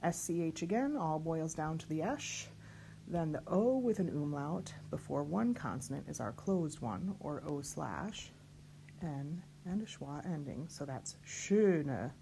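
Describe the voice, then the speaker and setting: A woman teaching lyric diction, slowly spelling out letters and sounds one by one. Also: deep voice, lively intonation, gravelly, dark tone, a little hiss or hum. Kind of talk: online diction lesson.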